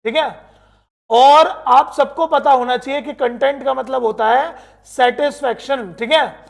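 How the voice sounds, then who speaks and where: High-voiced Indian man teaching grammar. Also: creaky. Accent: Indian English. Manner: asks the class questions and answers them himself; reads English sentences out slowly, word by word. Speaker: English teacher. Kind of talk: exam-prep grammar lesson.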